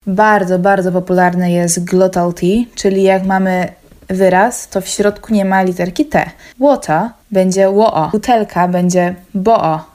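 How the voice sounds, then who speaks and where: A woman's voice: on the low side, steady tone, measured pace, a little mellow. A woman talking casually as she explains English accents, now and then saying sample words in an exaggerated accent to show the sounds. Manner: chatty, explanatory.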